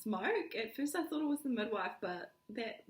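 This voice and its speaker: A woman's voice: fairly high pitch, moderate pace. Woman telling a story, echoey room. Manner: animated, laughing, acts out quoted lines. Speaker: vlogger. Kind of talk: casual storytelling.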